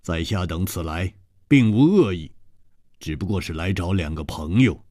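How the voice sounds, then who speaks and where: A male storyteller voicing a courteous, cautious swordsman who speaks softly. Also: sits low, lively intonation, normal speed, no room sound, studio quality, pitched below the performer's own voice. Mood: polite.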